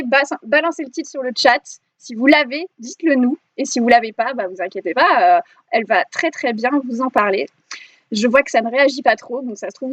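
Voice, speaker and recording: A bubbly French woman hosts a casual live interview and keeps turning to her chat. Her voice sits high and the sound is dull and dry, a bit lo-fi. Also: dry recording. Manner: bubbly, chatty, talks to the chat. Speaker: interviewer and live stream host.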